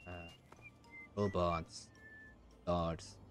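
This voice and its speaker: A man's voice: sits low, level tone, drawn-out words, soft background music. A man in his thirties giving casual, hesitant, musing commentary as he plays a video game. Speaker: gaming streamer.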